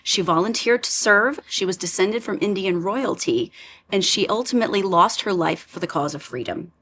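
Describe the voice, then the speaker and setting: A woman's voice: mid-range voice, animated, moderate pace, fairly bright tone, a little hiss or hum. A woman podcast host asking encouraging questions in an interview.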